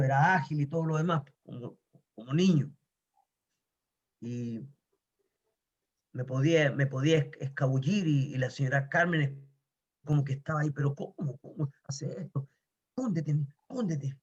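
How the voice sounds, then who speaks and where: Earnest Chilean man, slightly high voice. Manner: earnest, emphatic, repeats words for stress. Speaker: guest sharing personal testimony. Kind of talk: casual chat. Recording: dull lo-fi recording.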